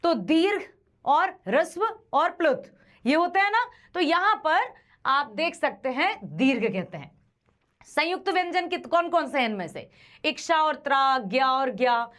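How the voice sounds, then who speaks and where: A woman teacher giving an exam-prep grammar lesson, quizzing students and slowly repeating sounds to demonstrate them. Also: high voice, fairly bright tone.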